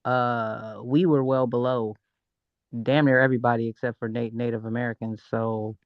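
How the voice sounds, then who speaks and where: A man speaking in a measured, hesitant way in an online audio room. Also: mid-range voice, flat delivery, dry recording, highs cut off. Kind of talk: casual discussion.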